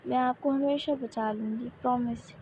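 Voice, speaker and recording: A woman's voice: fairly high pitch, steady tone, normal speed, dark tone, lo-fi sound, a little hiss or hum, close to an everyday voice. A woman voicing a sweet, loyal little girl who coaxes and comforts her older sister-in-law, in a narrated story. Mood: affectionate.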